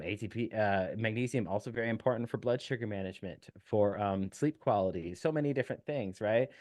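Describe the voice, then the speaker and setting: A man's voice: fairly low pitch, dry recording, clean studio sound. A man speaking as a guest nutrition expert in a casual podcast interview, explaining in a technical way with frequent fillers.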